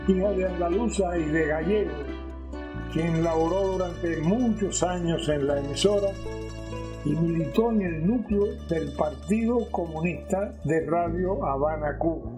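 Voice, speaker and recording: A man's voice: on the high side, a little slow. Male announcer over music. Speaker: radio announcer. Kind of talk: scripted broadcast announcement.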